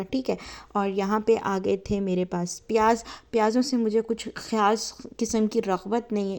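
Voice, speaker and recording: A woman with a gravelly, slightly fried voice narrates a home cooking tutorial. Her tone is dark and mellow, and she talks in a chatty way, piling up fillers as she goes through each ingredient. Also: mid-range voice. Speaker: cooking channel host.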